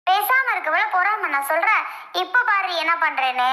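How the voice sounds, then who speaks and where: A woman's voice: very high-pitched, animated, moderate pace, pushed and bright, exaggerated voice. A woman doing Sathya, a teasing cartoon girl. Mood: defiant. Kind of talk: cartoon voice acting.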